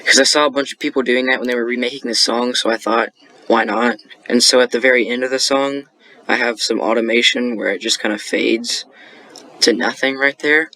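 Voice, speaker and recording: A man's voice: medium pitch, fairly even intonation, brisk, sharp tone, dry recording. A young man casually explaining how he made a beat, rambling with lots of fillers and self-corrections. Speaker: beat-making tutorial host. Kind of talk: casual screen-recorded tutorial.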